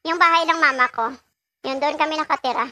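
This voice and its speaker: A woman's voice: high voice, fast, dry recording. A middle-aged woman, chatting casually and joking while she decorates a cake, laughing often and mixing in English. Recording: loud background noise.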